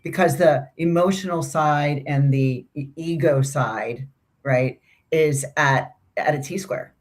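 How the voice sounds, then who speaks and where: This is a woman with a notably low, deep voice co-hosting an astrology conversation. She talks loosely and chattily, circling back on her points and tossing in asides. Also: slow pace. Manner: chatty, rambling, with restarts and asides. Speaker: astrology podcast co-host. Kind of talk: casual conversational astrology discussion.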